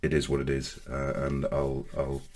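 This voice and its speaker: A Northern Irish man in his forties speaks in a very deep, low voice; his accent is now mostly English with Northern Irish traces. He's an online safety vlogger telling a personal story to camera, halting and hesitant, often restarting phrases, in a flat, even tone.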